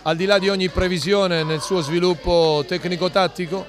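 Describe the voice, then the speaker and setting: A man giving live football commentary, dramatic and building to excited goal calls. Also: sits high, moderate pace. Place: outdoor football ground. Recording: outdoor stadium with crowd and music behind. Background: crowd and music.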